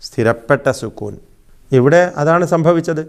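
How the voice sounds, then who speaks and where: Male teacher, patient recitation lesson, smooth resonant tone, drawn-out examples. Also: fairly high pitch, expressive. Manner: patient explaining, drawn-out demonstrations. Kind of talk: religious lesson.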